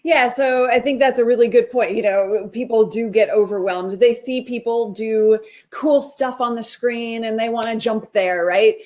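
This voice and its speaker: A woman's voice: on the high side, normal speed, few pauses, a little mellow. A woman guest on a talk show, explaining her work in an upbeat, explanatory way. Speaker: guest, live video strategist. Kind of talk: interview answers.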